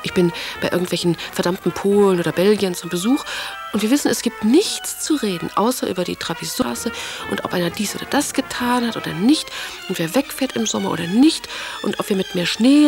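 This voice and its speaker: A woman's voice: medium pitch, animated, fairly quick, gravelly. An actress playing a passionate aristocratic woman writer, reading her letters in an intimate, often half-whispered voice over music. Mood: musing. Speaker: letter-writing lover. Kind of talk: radio drama reading of letters.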